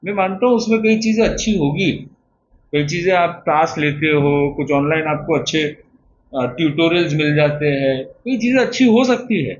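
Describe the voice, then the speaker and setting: A man's voice: on the high side, normal speed, highs cut off, slight background noise. A man giving a spoken motivational talk, who poses questions and answers them himself in a plain conversational manner. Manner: plain conversational mix of Hindi and English words.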